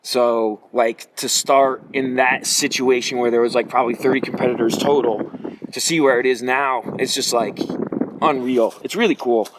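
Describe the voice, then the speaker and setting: A man's voice: medium pitch, steady tone, moderate pace. An American man in his forties talking casually and emphatically as a coach answering interview questions, in colloquial phrasing. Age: 40s. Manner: colloquial, emphatic, peppered with "you know". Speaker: jiu-jitsu coach and competitor. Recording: noisy recording with clicks.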